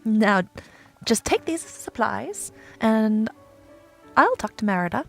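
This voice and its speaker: A woman's voice: fairly high pitch, sing-song, takes it slowly, creaky, a bit bright, soft background music, exaggerated voice. Scrooge McDuck, as a woman puts him on, Scottish accent. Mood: bossy, boastful. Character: old miserly Scottish duck, gruff and proud. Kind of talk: reading game dialogue aloud.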